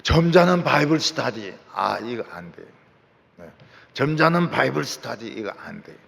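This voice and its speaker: A man preaching a sermon as pastor, fervent and at times shouting out his lines. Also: mid-range voice, very animated, normal speed, vocal fry. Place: large church sanctuary. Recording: church hall with long reverb.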